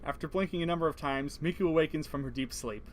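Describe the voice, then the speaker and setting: A man's voice: fairly high pitch, quick pace, a little hiss or hum. A man reading a visual novel's text aloud, breaking off to joke and laugh. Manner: reads narration evenly, then jokes and laughs between lines. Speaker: let's play co-host reading game text.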